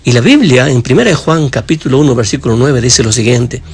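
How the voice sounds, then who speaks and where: Animated and fairly quick, this husky-voiced man delivers a passionate sermon straight to his listeners, alternating between high, raised emphasis and quiet, hushed lines.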